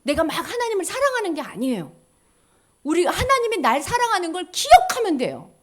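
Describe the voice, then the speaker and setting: A woman with a high voice leads a children's sermon, and her pitch leaps around as she preaches. She swings from loud exclamations down to hushed whispers and keeps turning to the kids with questions. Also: sing-song, brisk. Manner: speaks directly to children, asking them questions.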